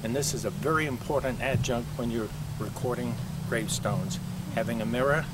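Among the trees of an outdoor cemetery, an older tour guide chats unhurriedly about gravestones, often pausing on "uh" and restarting his sentences. His ordinary-pitched voice is captured by a camcorder mic a few feet away, with steady traffic humming behind him.

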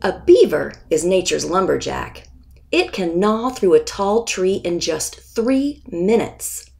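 A woman with a creaky voice on the low side reads aloud a children's picture book she wrote. Her reading is deliberate and expressive, with pauses placed before key words.

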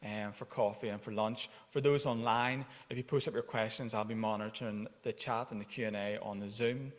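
Male organiser, informal and filler-heavy, low-pitched, lectern mic in a big echoey room. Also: steady tone, a little fast. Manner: informal, chatty, with many fillers. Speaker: conference organiser and academic. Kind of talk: conference welcome talk. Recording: long hall reverb.

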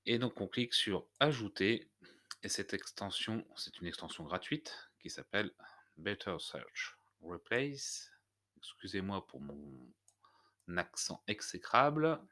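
A man walking viewers through a software tutorial step by step, hesitant and full of fillers. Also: deep voice, big pitch swings, a little slow. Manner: hesitant, many "heu" fillers, step-by-step explaining. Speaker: WordPress tutorial host. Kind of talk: screencast tutorial.

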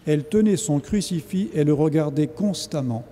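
A man's voice: a little high, expressive, normal speed, mellow. A man preaching a sermon as a priest, speaking in an earnest, exhorting way. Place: large church. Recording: long church reverb.

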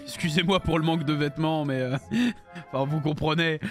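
A solemn male fantasy character, put on by a man with a low, dropped voice and slow theatrical phrasing. The tone is grave and heavy throughout. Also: faint music behind, natural voice. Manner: slow, deep, theatrical delivery.

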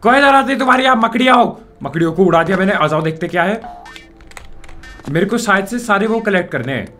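Excitable high-voiced man gaming. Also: brisk, soft background music. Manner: excitable, jokey, mock-insults the character. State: sore throat. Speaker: gaming YouTuber. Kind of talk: casual let's-play commentary.

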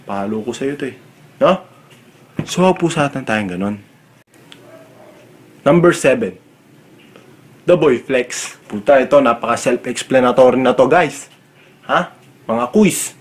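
Young male comic vlogger, raised voice, exasperated and cursing through a rant. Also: medium pitch. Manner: loud, exasperated, swears freely. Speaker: comedic vlogger. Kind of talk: comedic rant.

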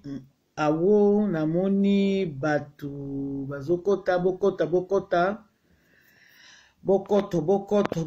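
High-voiced Congolese man streaming live. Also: darkish tone, highs cut off. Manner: repetitive, greets viewers one by one; mixes French and Lingala, heated. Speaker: livestream host. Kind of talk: casual live-stream talk to viewers.

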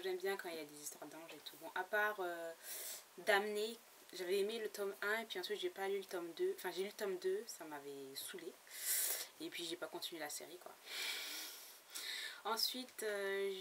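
A woman's voice: fairly low pitch, fairly bright tone. A woman chatting casually about books she bought, hesitant and full of fillers and restarts. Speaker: book blogger. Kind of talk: casual book haul vlog. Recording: slightly distant mic with faint background noise.

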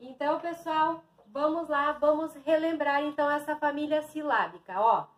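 A woman's voice: high voice, normal speed. A woman teacher from Brazil giving a reading lesson to young children, stretching and stressing each syllable.

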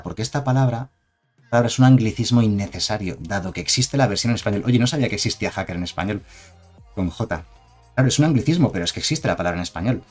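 Man, Spain Spanish accent, fairly low voice, casual streamer chatter, faint music behind. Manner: chatty, digressive, reads chat aloud. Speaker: streamer reviewing game cards. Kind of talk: casual live-stream commentary.

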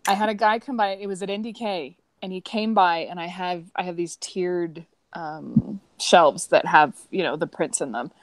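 Lively storytelling woman, lowish voice. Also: normal speed, hardly any pauses, dry recording. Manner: animated storyteller, rises high when quoting people. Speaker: artist, co-host. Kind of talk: casual chat.

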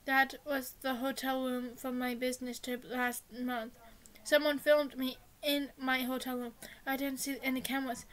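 A woman's voice: sits high, level tone, moderate pace, fairly bright tone, low-quality recording. A woman reading out the texts of a distressed, ashamed young woman, with little change from her own voice. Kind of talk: reading text-message story aloud.

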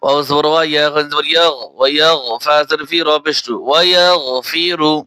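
A Bangladeshi man teaches Quran reading, spelling out each Arabic letter and then chanting it in slow, drawn-out syllables. His voice is bright, clear and a little high. It sits close and dry on the microphone. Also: steady tone, no echo. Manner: slow, deliberate, drawn-out recitation.

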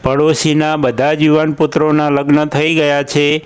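A man's voice: a little high, level tone, normal speed, clean tone, close to an everyday voice. A man voicing a tearful middle-aged mother who pleads with her husband in a storybook tale. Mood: pleading.

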